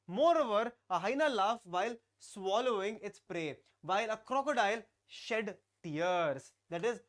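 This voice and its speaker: A teacher, giving a live online class and often repeating phrases while talking to students in the chat. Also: mid-range voice. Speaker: English teacher.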